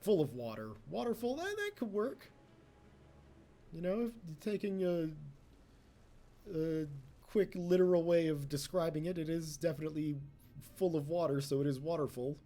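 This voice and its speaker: Playing a game, a young man hosting a let's play offers casual, rambling commentary, frequently addressing the game and poking fun at himself; English is his first language. His voice is on the high side, animated and warm, at normal speed.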